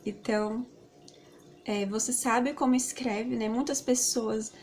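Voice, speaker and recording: A woman's voice: fairly high pitch, fairly even intonation, slow pace, a little mellow, a little hiss or hum. A Brazilian woman whose first language is Portuguese, giving a casual English lesson with many fillers and tag questions. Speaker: English teacher.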